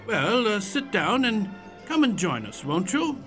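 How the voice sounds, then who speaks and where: A man plays a loyal, genial doctor in an audio drama. His voice is high and very animated, with a hesitant, old-fashioned manner. Music plays behind him. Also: unhurried, exaggerated voice. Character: loyal, affable, easily amazed doctor Watson. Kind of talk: audio theatre acting.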